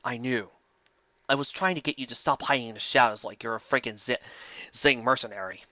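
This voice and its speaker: A reader playing a gruff, irritated military colonel in an anime parody, curt, commanding and sarcastic. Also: mid-range voice, fairly quick, bright, forceful tone, dry recording, pitched below the performer's own voice, natural voice. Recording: dull lo-fi recording.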